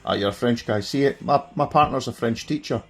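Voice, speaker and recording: Husky man with a broad Scottish accent. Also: medium pitch, a little fast, faint music behind. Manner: self-deprecating, chatty. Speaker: streamer reviewing a gaming handheld. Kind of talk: casual live gameplay commentary.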